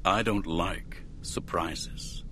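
Man voicing a low-voiced aristocratic villain, mild, slow, menacing, faint hiss. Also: fairly even intonation, bright, forceful tone, exaggerated voice. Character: cold, menacing aristocratic count, older man.

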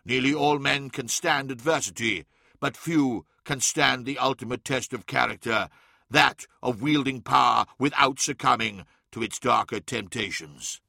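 A man's voice: medium pitch, a little slow, creaky, bright, forceful tone, no room sound, clean studio sound, exaggerated voice. A man voicing an all-powerful godlike emperor who speaks in grave, commanding proclamations. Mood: solemn.

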